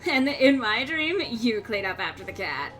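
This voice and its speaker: A woman's voice: a little high, very animated, moderate pace, music in the background. A woman voicing a bubbly, ditzy, gossipy sorority-girl monster with a Valley Girl accent. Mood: excited, teasing.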